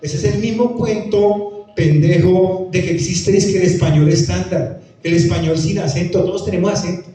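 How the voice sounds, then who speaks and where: A man's voice: high-pitched, moderate pace, mellow. A man with a Tolima Colombian accent giving a conference talk, emphatic and repeating phrases as he answers audience questions. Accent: Tolima Colombian Spanish. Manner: emphatic, repeats phrases, acts out quoted voices. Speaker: lecturer on the Pijao language. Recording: echoey hall, voice from far off.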